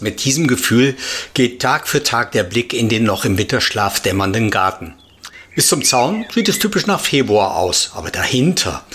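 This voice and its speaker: A man's voice: medium pitch, fairly bright tone, slightly rough. A man reading scripted comic narration for a podcast in a wry, wordy, literary manner.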